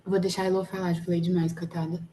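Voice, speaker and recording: A woman's voice: lowish voice, little pitch movement, rapid-fire, dark tone. A woman student in an online language class, answering the teacher's questions.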